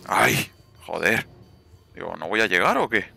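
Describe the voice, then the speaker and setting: A man's voice: low voice, lively intonation, measured pace, creaky, pushed and bright, faint music behind. A young man commenting live on his gameplay, swearing and taunting the other players.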